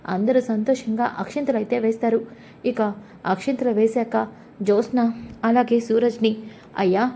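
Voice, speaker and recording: A woman narrating a TV serial episode recap in a brisk storytelling manner. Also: a little high, warm tone, a little hiss or hum. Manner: brisk storytelling with quoted dialogue.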